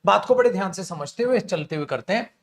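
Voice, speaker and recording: A young man teaching an exam-prep class, asking his students questions and answering them himself, and reading English sentences slowly word by word. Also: high-pitched, expressive, vocal fry. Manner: addresses students as beta and mere dost, asks and answers his own questions. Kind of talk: online exam-prep lesson.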